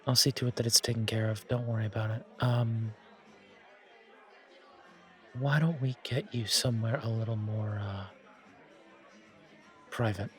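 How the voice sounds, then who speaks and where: Against bar crowd chatter and soft background music, a man with a lowish, natural voice plays a friendly bartender at a supernatural bar in a casual, one-sided audio roleplay. He speaks at a measured pace, pausing often, and his chatty, slightly hesitant delivery sounds concerned and reassuring.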